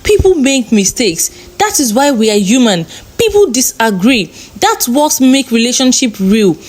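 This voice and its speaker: A woman's voice: on the high side, sing-song, unhurried, a little mellow. Fields: Figure: concerned young ex-girlfriend. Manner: earnest, urging.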